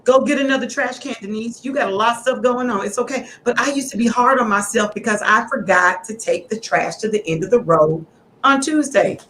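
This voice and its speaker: A middle-aged woman hosts an online chat in an animated, preachy, storytelling manner. Her voice sits a little high. There is faint hiss from the video call behind her. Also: brisk, low-quality recording. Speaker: host. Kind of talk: casual chat among women.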